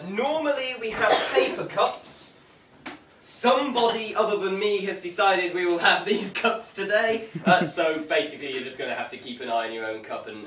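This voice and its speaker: A man giving an informal briefing to a group as a tour guide, with a wry, dryly humorous and slightly mock-formal manner. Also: on the high side. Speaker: ghost tour guide leading a vigil. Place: indoors in an echoey room. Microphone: camera mic at a distance. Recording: echoey room, distant mic, faint noise.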